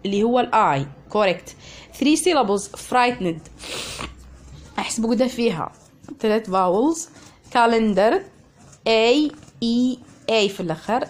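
A woman English teacher with an Algerian accent giving an exam revision lesson, speaking slow, deliberate English and rapid dialect explanations. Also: on the high side, expressive.

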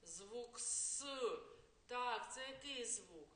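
A woman kindergarten teacher giving a slow, coaxing early literacy lesson to young children. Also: on the high side, animated, fairly bright tone. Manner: slow, sing-song, coaxing teacher talk. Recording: echoey room with faint noise.

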